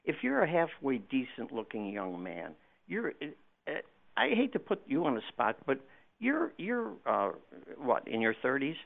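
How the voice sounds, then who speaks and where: A man calling in to a radio show, giving opinions casually and haltingly over the phone. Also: mid-range voice, huge pitch swings, gravelly. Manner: halting, repeating words. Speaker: radio call-in caller. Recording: muffled, band-limited phone line.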